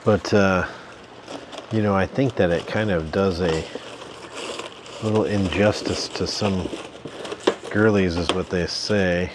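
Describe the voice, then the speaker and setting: A man's voice: deep voice, fairly even intonation, slow pace, pauses often, background noise. A man, hosting a casual home vlog, rambling in a folksy, jokey way with lots of fillers. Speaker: channel host, reseller. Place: home basement.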